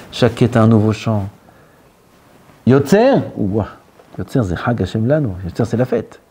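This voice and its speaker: Animated rabbi, dark voice. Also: male voice, mid-range voice, breathy edge. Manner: animated, dropping to near-whispers and rising again; mixes Hebrew terms into French. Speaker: rabbi giving a Torah talk. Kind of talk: sermon.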